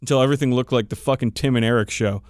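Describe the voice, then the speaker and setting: Talking very fast in a mid-range voice, a man co-hosts a podcast and enthusiastically discusses tabletop game lore in a loose, informal way laced with profanity. The recording is clean studio sound with no audible room.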